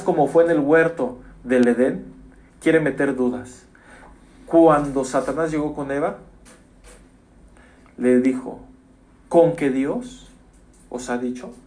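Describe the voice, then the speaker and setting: A man preaching a sermon as pastor, emphatic, repeating phrases and rising suddenly to loud stresses. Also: mid-range voice. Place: church.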